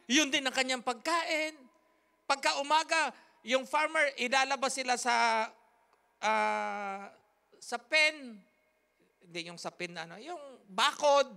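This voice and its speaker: A woman's voice: high voice, sharp tone. A woman pastor, telling a story in a sermon with emphatic, repetitive, rhythmic phrasing. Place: church service.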